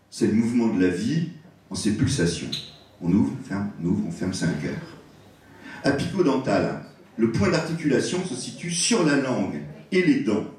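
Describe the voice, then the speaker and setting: A man's voice: mid-range voice, darkish tone. A man giving a public lecture on word origins, speaking expressively and savouring each word. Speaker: guest lecturer. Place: large hall at an evening event. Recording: echoey hall, voice from a distance.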